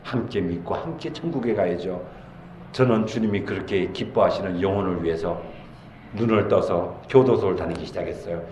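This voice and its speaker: A man's voice: low voice, moderate pace, darkish tone, reverberant, lo-fi sound, slight background noise. A man, a pastor, preaching a sermon with passion, acting out the voices in his stories. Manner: impassioned storytelling preacher, acts out dialogue. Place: church sanctuary.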